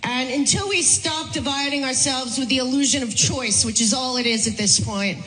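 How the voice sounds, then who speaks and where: A woman's voice: sits high, moderate pace, fairly bright tone, low-quality recording. A woman giving earnest political commentary, speaking fluently.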